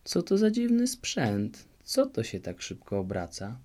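A man's voice: on the high side, big pitch swings, moderate pace, mellow, voice pushed up. A man doing a wide-eyed young princess. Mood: eager wonder. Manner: eager, breathless questions. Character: young curious excitable princess.

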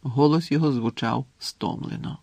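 Gravelly male audiobook narrator. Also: medium pitch, no echo. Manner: steady, measured storytelling. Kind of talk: audiobook reading.

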